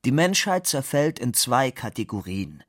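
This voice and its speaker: A man's voice: medium pitch, sing-song, unhurried, fairly bright tone, voice pushed up. A man reading aloud who voices an earnest young man, polite but firm and ironic. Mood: dryly ironic.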